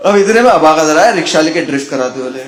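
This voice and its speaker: A man doing stand-up, telling a story animatedly and swinging between loud bursts and hushed asides. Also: on the high side, very fast. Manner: animated, shifting loud and hushed while acting out friends. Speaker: stand-up comedian. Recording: echoey venue with loud background noise.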